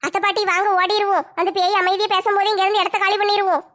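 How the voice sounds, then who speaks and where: Very high-voiced scolding village woman. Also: flat delivery, fast talker. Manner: scolding, shouting complaints. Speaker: comedy skit creator. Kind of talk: comedy skit acting.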